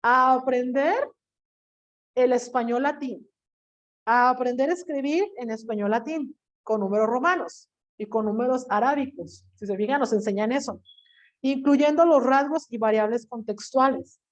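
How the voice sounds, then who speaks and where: A woman teacher giving a classroom lecture in a lively way, acting out quoted voices and asking the class questions. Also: on the high side, moderate pace. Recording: dull lo-fi recording.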